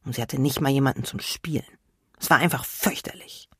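A woman reading a children's story aloud in a lively, expressive way. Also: extremely low pitch, fairly quick, husky, dry recording, studio quality.

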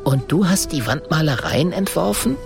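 A man's voice: a little high, lively intonation, normal speed, vocal fry, over music, pitched above the performer's own voice. Man voicing a cheerful young dragon, eager, raised voice, storybook. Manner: eager, bright.

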